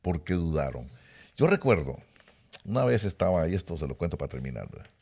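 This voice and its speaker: A man's voice: deep voice, very animated, brisk, gravelly, darkish tone, slightly rough. A middle-aged man preaching a sermon, emphatic and repetitive, speaking straight to his listeners. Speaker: pastor.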